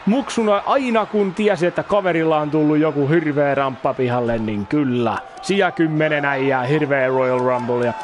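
Man narrating his game playthrough, fairly high voice, excitable and chatty, clear noise behind. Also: few pauses. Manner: excitable, chatty, swears, exclaims over the game. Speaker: gaming YouTuber. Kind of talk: casual Let's Play commentary.

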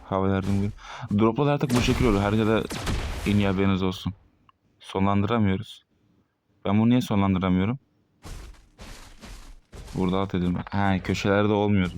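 A young man in his twenties from Turkey talks over his own shooter gameplay in a low-pitched voice. He is excitable and swears, and he bursts out loud at the enemies he sees. Game gunfire sounds clearly behind him. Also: background noise. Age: 20s. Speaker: gaming streamer. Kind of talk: live gameplay commentary.

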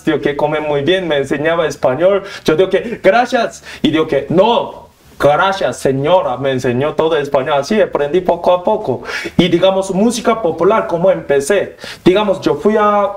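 A young man from South Korea with a noticeably high voice speaks Spanish with a Korean accent. His Spanish is simple and broken, as a learner's is. As an interview guest he tells stories vividly, acting out each scene and quoting himself in a sharply raised voice. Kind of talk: animated storytelling in an interview.

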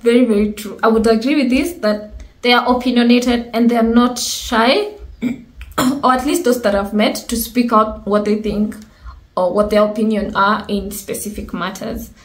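A woman's voice: on the high side, moderate pace. A woman with a Kenyan accent, hosting a casual reaction video with spoken commentary. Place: indoor room with curtain backdrop. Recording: echoey room.

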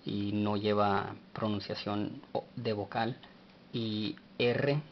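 A man teaching a language lesson, speaking slowly and spelling words out letter by letter. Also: lowish voice, fairly even intonation, highs cut off, slight background noise.

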